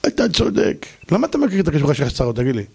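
A man, a rabbi, giving a lively Torah lecture, telling stories and acting out their characters. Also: a little high, gravelly, husky. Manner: animated storytelling, acting out characters.

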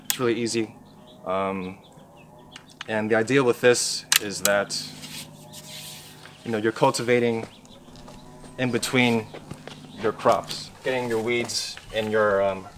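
A young man, a first-year farmer, talking casually in his backyard garden while being interviewed, pausing often with fillers as he thinks. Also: fairly low pitch, noisy background. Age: young adult. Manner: relaxed, thinking aloud with many fillers. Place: backyard vegetable garden outdoors.

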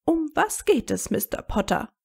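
A stern, strict older female professor speaks with clipped, commanding authority, voiced by a woman reading the story. The voice sits higher than the narrator's dark, gravelly tone. She speaks in short orders. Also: big pitch swings, a little slow, heavily acted.

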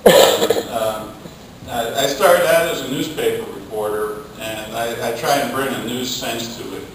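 The middle-aged man, a labor union communicator on a conference panel, replies slowly and haltingly in a mid-range voice. The audio comes from a camera at the back of a hotel ballroom, so it sounds remote and very reverberant, with faint noise.

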